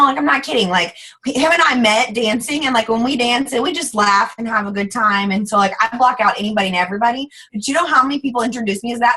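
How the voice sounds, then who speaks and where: A woman with a Southern accent who talks fast and bubbly, with lots of "like", speaking as a guest on a video call. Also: on the high side, a bit bright, husky, low-quality recording. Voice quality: fast, bubbly, says "like" a lot. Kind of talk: casual team call talk.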